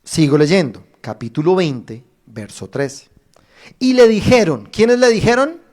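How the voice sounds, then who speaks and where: A man pastor preaching a streamed sermon, addressing viewers directly with emphatic rises and pauses. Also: high voice, big pitch swings, a little mellow. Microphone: streamed online service.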